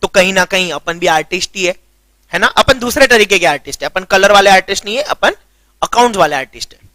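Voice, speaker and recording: A man's voice: high-pitched, lively intonation, fast, pushed and bright, no echo. A young man with a Gujarati accent, a commerce tutor giving a chatty classroom lecture and often checking that students understand. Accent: Gujarati-accented Hindi. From Gujarat, India. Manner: chatty, keeps checking understanding, mixes English terms.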